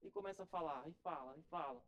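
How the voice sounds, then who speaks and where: Brazilian pastor guy, 40s, kinda high voice, chatty sermon style, keeps repeating himself and talking right at the church. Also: fast, a bit bright, poor audio. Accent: Brazilian Portuguese. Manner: conversational preaching with repeated phrases and direct address.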